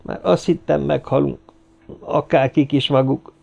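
A man's voice: a little high, creaky, darkish tone, highs cut off, voice pushed up. A man voicing a frightened, earnest male researcher in an audiobook, speaking anxiously.

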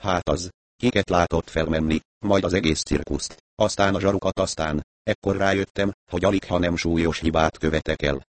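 A man reading a first-person novel aloud in a steady, measured storytelling manner. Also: deep voice, dry recording. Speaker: audiobook narrator.

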